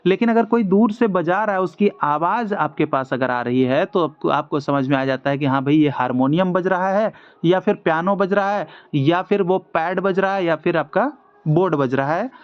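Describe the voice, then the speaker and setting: In an online MCQ lesson for a music exam, a man goes through the multiple-choice questions one step at a time, putting rhetorical questions to himself along the way. His high voice is clear and resonant at a normal pace, but the audio is dull.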